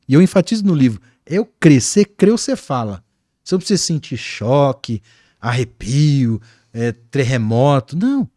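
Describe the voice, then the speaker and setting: A man with a Brazilian accent, a guest pastor talking in an animated, preaching-like way on a podcast. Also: a little high, no room sound, clean studio sound. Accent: Brazilian Portuguese. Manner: animated, acts out quoted voices.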